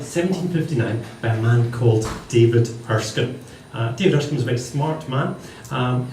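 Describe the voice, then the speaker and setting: A man's voice: medium pitch, mellow. A man from the Western Isles of Scotland with a Hebridean accent, performing a live stand-up comedy monologue in a dry, wry storytelling manner. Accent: Hebridean Scottish. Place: live comedy venue with audience. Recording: echoey room, distant mic, faint noise.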